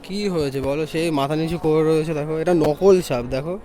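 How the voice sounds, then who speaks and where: A man's voice: on the high side, fairly even intonation, fast, mellow. A man vlogging casually outdoors who keeps repeating himself insistently. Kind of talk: casual vlog chat.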